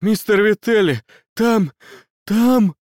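A man's voice: high-pitched, normal speed, dry recording, studio quality, pitched above the performer's own voice, natural voice. A man voicing a frightened, out-of-breath teenage schoolboy who talks in agitated gasps. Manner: agitated, gasping.

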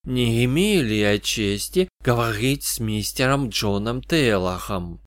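A suave, soft-spoken French banker of middle age, as a man puts him on. He talks slowly and quietly, each word courteous and smooth, with a French accent. The sound is dry and close. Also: medium pitch, lively intonation, no room sound, lightly acted. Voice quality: hushed, slow and polished, with a French accent.

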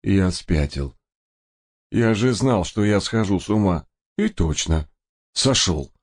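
Man doing a scared, slow-witted guy, hoarse and plaintive, speaking slowly and a touch low in a deep voice. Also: animated, exaggerated voice. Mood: whiny. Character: jittery dim-witted man, fearful and whiny.

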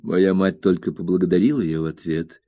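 A man narrating an audiobook in an expressive storytelling manner. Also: low voice, a little fast. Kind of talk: scripted narration.

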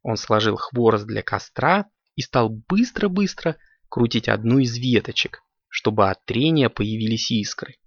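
Man reading a kids' story, super animated, gravelly, dry lo-fi sound. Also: mid-range voice, a little slow, few pauses, no room sound. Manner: lively, expressive reading. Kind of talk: storybook narration for children. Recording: dull lo-fi dry recording.

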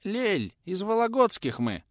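An audiobook narrator voicing a timid, hunched old male craftsman who answers in a drawn-out, pleading way. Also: high-pitched, huge pitch swings, no echo, studio quality, voice pushed up, exaggerated voice.

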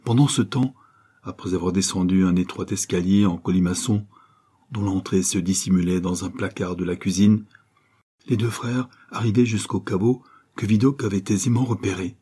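A man narrating an old adventure novel aloud in a measured, dramatic way. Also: deep voice, fairly even intonation, mellow, breathy edge. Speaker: audiobook narrator. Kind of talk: scripted storybook narration.

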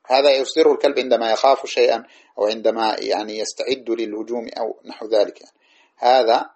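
A man giving a lesson on a classical grammar text, reading verses slowly and then explaining them plainly, often checking that listeners follow. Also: medium pitch, fairly even intonation, a little mellow, husky.

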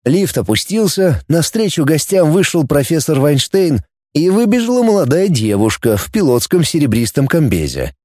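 A male narrator reads an audiobook with lively, expressive delivery. His voice is dark and mellow, a little high for a man. The recording is close and dry. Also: normal speed, no room sound. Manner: animated, expressive reading. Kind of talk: scripted narration.

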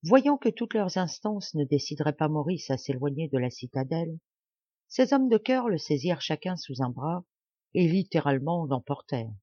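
A woman narrating a classic novel as an audiobook, with an expressive, dramatic reading style. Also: deep voice, slightly rough, no echo, lo-fi sound. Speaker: audiobook reader.

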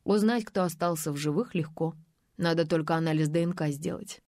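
A woman reading as a calm male investigator in an audiobook, businesslike and level. She keeps her own voice for him, and the recording is dry and close. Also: low-pitched, fairly quick, dry recording.

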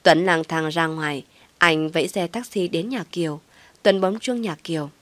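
A woman tells a family drama in a steady storybook voice. Her voice sits slightly low, and the sound is dry and close. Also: normal speed, no room sound. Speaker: narrator. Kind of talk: storybook narration.

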